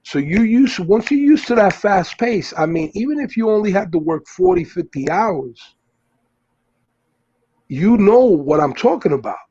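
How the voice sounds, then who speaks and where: New guy hosting, husky kinda high voice, dull lo-fi sound, rambles with lots of "like". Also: expressive, normal speed, warm tone. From US Northeast. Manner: rambling, many fillers and restarts. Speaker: host. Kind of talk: casual chat.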